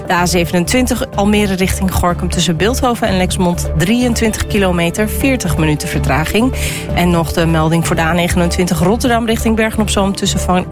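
Dutch woman reading traffic over music. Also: medium pitch. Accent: Netherlands Dutch. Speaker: radio traffic reporter.

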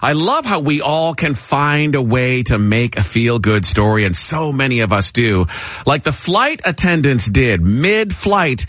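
A man's voice: medium pitch, lively intonation, a little slow, fairly bright tone, no echo. A man presenting on the radio and reading sponsor tags as host.

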